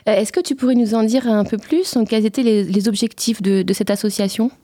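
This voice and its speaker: A woman hosts a radio interview and asks her questions. Her tone is mellow and soft. She speaks haltingly, with many fillers and repeated words. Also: mid-range voice. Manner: hesitant, many fillers and repetitions. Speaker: radio host.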